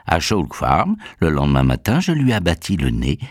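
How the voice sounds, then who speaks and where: Theatrical male narrator, slow, swooping pitch, dry close sound; brings pomp to a radio play. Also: huge pitch swings, dry recording. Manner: theatrical, pompous, playing several voices. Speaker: narrator and lead actor.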